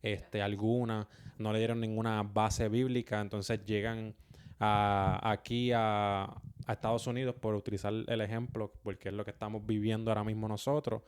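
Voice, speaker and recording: A man guest in a casual chat, giving measured advice with frequent filler sounds. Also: fairly low pitch, level tone, clear, resonant tone.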